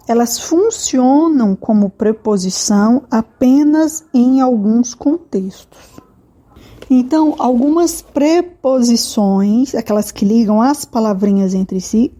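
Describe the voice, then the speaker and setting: A woman teacher with a mellow, rather high voice. She walks through a grammar lesson in an easy, colloquial way, using homely cooking comparisons and talking straight to the student.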